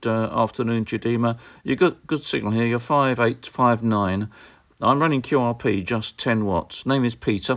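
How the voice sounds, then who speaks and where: A British man working as an amateur radio operator and vlogger, talking casually and repeating key details in an unhurried way. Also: medium pitch. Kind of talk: casual radio contacts and commentary to viewers.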